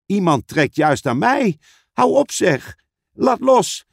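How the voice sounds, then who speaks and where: An indignant schoolgirl who is scared and cries out shrilly, as a man puts her on. Her voice is pitched well above his own and stays lively. The recording is close and dry. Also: takes it slowly, gravelly, no echo, heavily acted. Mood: alarmed. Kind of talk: audiobook reading.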